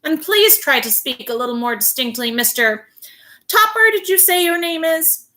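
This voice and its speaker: A woman's voice: high voice, lively intonation, normal speed, pushed and bright, voice pushed up. A woman voicing a fussy male clerk on the telephone at city hall, who speaks in a prim, muddled way.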